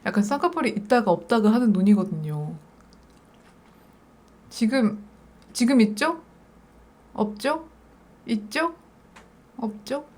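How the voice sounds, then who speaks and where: A woman's voice: fairly high pitch, darkish tone. A woman from South Korea chats casually and playfully to viewers as the host of an eating show. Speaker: mukbang host.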